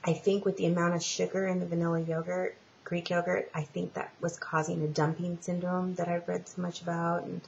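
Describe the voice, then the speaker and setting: A woman giving a casual personal update in a halting, rambling way with trailing pauses, like a home vlogger. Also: on the low side, creaky. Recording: muffled, lo-fi home recording with hiss.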